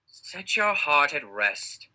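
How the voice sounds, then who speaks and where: A woman's voice: low voice, big pitch swings, slow pace, sharp tone, exaggerated voice, low-quality recording. Woman acting a hammy, piercing proud fairy queen, Titania. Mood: indignant, grand. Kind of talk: Shakespearean verse stage acting in rehearsal.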